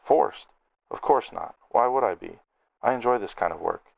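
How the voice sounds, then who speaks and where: A man's voice: sits low, brisk, gravelly, no echo, lo-fi sound. A man voicing a cranky male gnome alchemist who rants and snaps in furious tirades. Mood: snappish, blustering.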